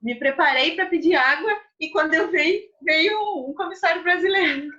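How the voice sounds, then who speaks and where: A Brazilian woman student telling a story in a lesson over a video call, hesitant and halting. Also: very high voice, sharp tone. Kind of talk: casual chat in a lesson. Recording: muffled video call audio.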